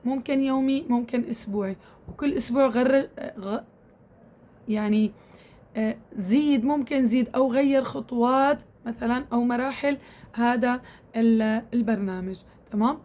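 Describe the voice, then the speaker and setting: A woman's voice: on the high side, normal speed, pauses often, warm tone. A woman teaching recitation to women, talking casually and checking in often. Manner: repetitive, checks in with "tamam?" often. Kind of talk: casual instructional talk to women students.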